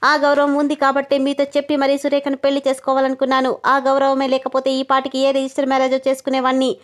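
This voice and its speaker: A woman's voice: high-pitched, completely flat delivery, fast, natural voice. A woman voicing a defiant young man who confronts his mother in an earnest, bitter way. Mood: resolute.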